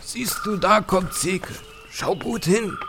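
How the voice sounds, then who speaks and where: An actor playing a kindly old village elder who leans on a cane and speaks in a gentle, patient, teaching tone with a gravelly voice. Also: male voice, sits high, slow, background noise. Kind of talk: audio drama acting. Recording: background music bed.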